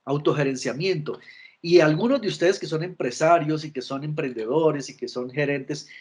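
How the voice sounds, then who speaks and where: Husky man giving a training talk. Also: on the high side, moderate pace. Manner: frequent restarts and repeated words, asks listeners for agreement. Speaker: trainer in emotional intelligence. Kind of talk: virtual training lecture.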